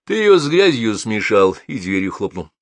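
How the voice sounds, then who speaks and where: A man voicing a seasoned police colonel who speaks calmly and firmly with a dry irony. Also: lowish voice, normal speed, no room sound. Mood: ironic. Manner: calm, firm, dryly ironic. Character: seasoned police colonel, calm, dryly ironic.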